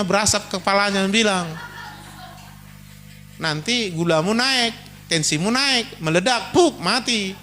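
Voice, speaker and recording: A male pastor, preaching a sermon in a lively, joking way and acting out everyday quarrels. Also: sits high.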